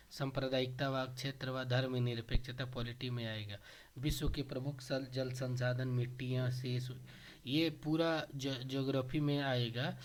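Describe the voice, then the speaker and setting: A man teaches an informal exam-prep lesson, speaking at an ordinary middle pitch. He guides students through the syllabus step by step and keeps checking that they follow along. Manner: instructive, addresses students directly, frequent checks for understanding.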